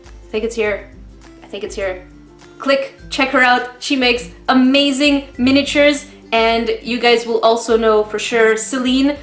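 A woman's voice: fairly high pitch, reverberant. Chatty, emotional woman vlogger. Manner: rambling, chatty, laughs often. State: tearful, emotional. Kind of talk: casual unboxing chat.

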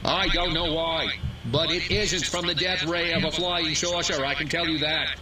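A man's voice: fairly high pitch, steady tone, moderate pace, far from the mic, heavy background noise, lightly acted. A man doing a stiff alien faking a human mayor. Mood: bluster. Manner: stilted, formal speech-making.

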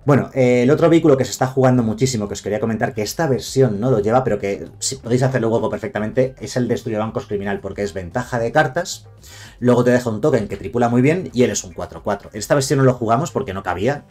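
A man's voice: mid-range voice, darkish tone. A man with a Spain Spanish accent giving a casual card deck guide, chatty and correcting himself as he speaks straight to his viewers. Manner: fast, chatty, self-correcting, addresses viewers directly. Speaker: card game content creator.

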